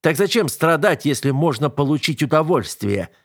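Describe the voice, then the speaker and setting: A man voicing a cruel, arrogant young nobleman who taunts his captive with slow, drawn-out commands in an audiobook. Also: fairly high pitch, sing-song, husky, no echo, clean studio sound, voice pushed up, full character voice. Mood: sneering. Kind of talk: audiobook character voice.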